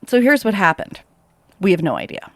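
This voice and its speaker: A woman co-hosting a casual podcast, chatting and telling stories in an upbeat, animated way. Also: medium pitch, a little fast, no echo. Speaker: podcast co-host.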